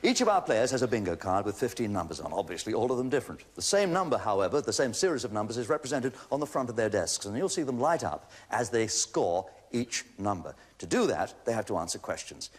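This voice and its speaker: A man's voice: on the low side, sing-song, fast talker, few pauses, slightly rough. A man hosting a TV bingo quiz, calling out numbers like a bingo caller and bantering with jokey one-liners. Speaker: game show host. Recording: noisy old TV studio recording, loud audience. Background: laughing studio audience.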